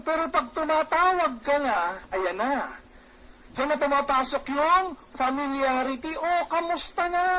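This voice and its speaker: A middle-aged man with a high voice leads a Taglish training seminar. He talks in a lively way, throws questions at his listeners and slips into little acted-out exchanges. A faint hiss of noise sits under his voice. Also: low-quality recording. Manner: lively, acts out quoted dialogue; asks the audience questions. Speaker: network marketing trainer.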